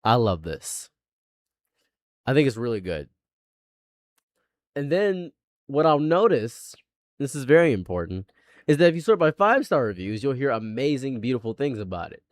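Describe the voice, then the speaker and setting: A man's voice: medium pitch, very animated, moderate pace, long pauses, no echo, clean studio sound. A man in his late twenties, a live streamer chatting casually, rambling and repeating himself, laughing often. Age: late 20s.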